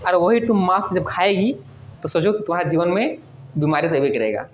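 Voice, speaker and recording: A woman's voice: lowish voice, animated, a little fast. A woman teacher explaining a poem to her class, often checking whether they follow and answering her own questions. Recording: echoey, dull lo-fi room recording with faint noise.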